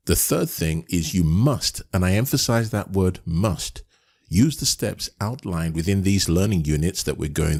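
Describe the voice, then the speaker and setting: A man's voice: low-pitched, darkish tone, breathy edge. A man coaching business owners in a recorded course lesson, earnest and emphatic, repeating his points with frequent restarts.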